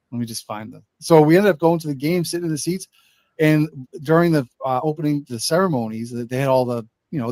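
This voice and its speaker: A man on a podcast telling a long, animated story with many restarts and acted quotes. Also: medium pitch, no echo. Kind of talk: casual chat.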